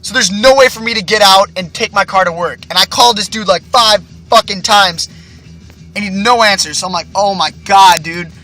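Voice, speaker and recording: A young man tells a boastful, profanity-laced story in a loose, rambling way. His voice sits high and sounds bright and sharp. Faint music plays underneath. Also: a little fast. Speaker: vlogger. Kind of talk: casual storytelling monologue.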